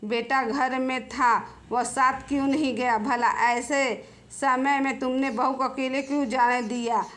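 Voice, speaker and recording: A woman's voice: high voice, steady tone, a little slow, a bit bright. A woman voicing a nosy, prying older neighbor woman in a storybook tale.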